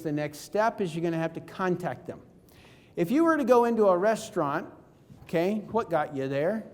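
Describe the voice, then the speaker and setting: Man, high voice, lively seminar speaker acting out calls, echoing through a big hall. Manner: energetic, jokey, acts out phone calls. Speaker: network marketing speaker. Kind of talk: motivational seminar talk. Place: conference hall. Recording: reverberant hall.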